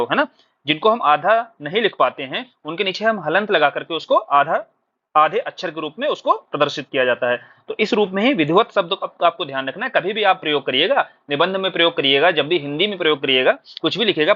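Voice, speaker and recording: A man teaching a recorded exam-prep lesson, explaining patiently and asking questions before answering them himself. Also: fairly high pitch. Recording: dull lo-fi recording.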